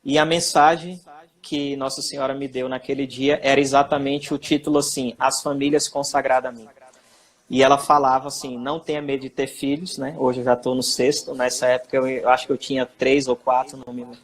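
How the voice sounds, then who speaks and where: A man's voice: mid-range voice, little pitch movement, a little fast. Earnest Brazilian man telling a story. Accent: Brazilian Portuguese. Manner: earnest, storytelling with quoted dialogue. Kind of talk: casual testimony.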